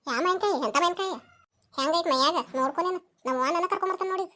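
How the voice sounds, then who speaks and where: A woman's voice: extremely high pitch, rapid-fire, bright, forceful tone. A woman voicing a sulky little village girl in a comic skit, whiny and complaining, with a North Karnataka Kannada accent.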